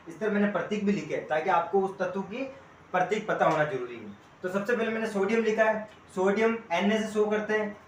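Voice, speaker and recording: A man teaching an online coaching class in a chatty way, calling students by pet names and quizzing them as he goes. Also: high voice. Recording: echoey room with faint ambient noise.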